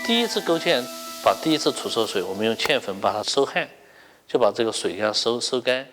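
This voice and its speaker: A man's voice: medium pitch, animated, fast talker, a bit bright, faint music behind. A man explaining a cooking technique step by step, as a cook in an interview. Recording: long reverberant room echo.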